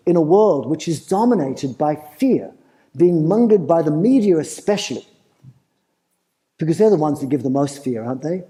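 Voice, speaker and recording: A man's voice: a little high, mellow, rough recording. An Australian man giving a playful live talk at a festival, putting questions to the audience. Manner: engaging, asks the crowd questions, playful. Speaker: festival presenter.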